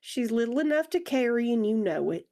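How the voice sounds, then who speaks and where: A woman's voice: fairly high pitch, big pitch swings, brisk, dark tone, pitched above the performer's own voice. A woman playing a wry, genteel traveller with folksy, colloquial talk in a tabletop game. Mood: practical, teasing.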